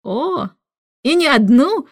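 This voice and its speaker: A woman's voice: sits high, big pitch swings, slow pace, no echo, studio quality, pitched above the performer's own voice, heavily acted. A woman voicing a cheeky, carefree male idler who becomes a jester. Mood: singing.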